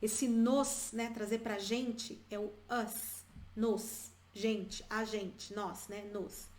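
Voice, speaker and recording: A Brazilian woman teaching English to viewers, chatty and repeating example phrases slowly for learners. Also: mid-range voice, fairly even intonation, darkish tone, reverberant. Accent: Brazilian Portuguese. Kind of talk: bilingual English lesson, addressing viewers.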